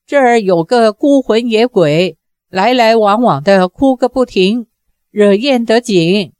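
一位女性朗读者演绎一个冷傲的女反派，说话不屑而简短。. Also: female voice, fairly high pitch, expressive, slow pace, darkish tone, dry recording, clean studio sound. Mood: scornful. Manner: disdainful, curt. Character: cold, scornful female villain. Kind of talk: audiobook character voice.

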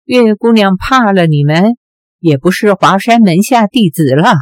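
A woman voicing a proud, hot-tempered young swordswoman who speaks in sharp accusations, in a slow, dry read. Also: medium pitch, animated, no room sound, natural voice. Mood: accusing.

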